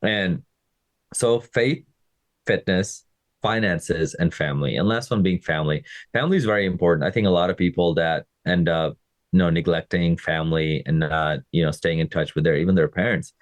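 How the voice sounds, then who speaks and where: This low-pitched man from Pakistan, in his thirties, coaches fitness and hosts a podcast, chatting with listeners at normal speed in a casual motivational monologue and frequently checking in with them. There's no room sound.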